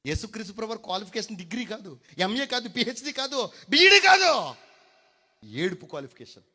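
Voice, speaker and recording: A man preaching a sermon to a congregation, swinging between hushed and loud delivery, drawing out key words and slipping in English phrases. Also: high-pitched, expressive, quick pace. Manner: mixes in English phrases, addresses the congregation directly.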